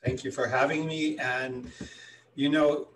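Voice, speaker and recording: A man in his sixties from Hawaii, a guest talking about his life in a reflective, unhurried way. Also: medium pitch, fairly even intonation, fairly bright tone, recorded from a distance, slight background noise, poor audio. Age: 60s. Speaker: guest healer. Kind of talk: conversational interview storytelling.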